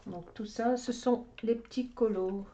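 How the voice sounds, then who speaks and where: A woman's voice: on the high side, fairly even intonation, unhurried, mellow, dull audio. A woman giving a casual show-and-tell of her coloring books, rambling and talking to herself as she searches for things. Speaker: craft vlogger.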